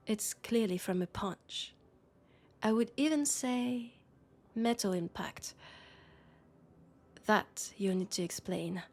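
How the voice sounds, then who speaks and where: In an intimate sci-fi roleplay audio drama, a French-accented woman voices a young policewoman, sharp and scolding but caring underneath. She speaks at a medium pitch.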